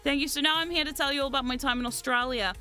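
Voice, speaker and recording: Very high, bright, jet-lagged woman streamer. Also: very fast, faint music behind. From New Zealand. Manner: excitable, giggly, rambling, playfully dramatic, sweary. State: jet lagged, mild sore throat. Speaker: VTuber streamer and host. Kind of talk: casual livestream chat with viewers.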